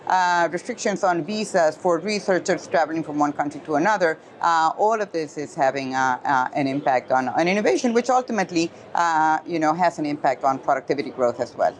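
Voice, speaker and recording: A woman from Costa Rica, a trade policy expert, answering interview questions in a measured, explanatory way with frequent pauses. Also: lowish voice. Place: trade symposium in New York.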